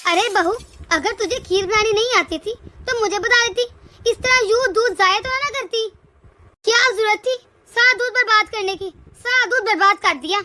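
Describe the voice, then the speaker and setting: A woman's voice: very high-pitched, normal speed, pushed and bright, slight background noise. A woman voicing a stern, lecturing middle-aged mother-in-law in a cartoon. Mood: scolding. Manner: lecturing, scolding. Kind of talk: cartoon voice acting.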